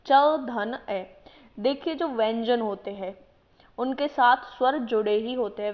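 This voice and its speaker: A woman teaching a language lesson who reads each word out and then explains what it means. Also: a little high. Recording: dull lo-fi voice-over.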